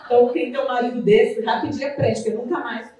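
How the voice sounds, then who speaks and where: A Brazilian woman from Minas Gerais with a Mineiro accent, giving an animated, chatty motivational talk as a nutritionist, with playful asides. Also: on the high side, quick pace, a little hiss or hum. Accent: Mineiro Brazilian Portuguese. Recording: very echoey room, voice far from the mic.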